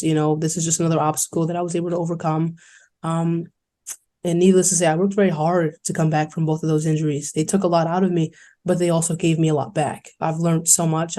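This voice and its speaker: Being interviewed on a podcast, a college basketball player, a young woman from New York City, talks in a warm, mellow voice with even pitch. Candid and earnest, her speech flows quickly, and she slips into lively voices when quoting people.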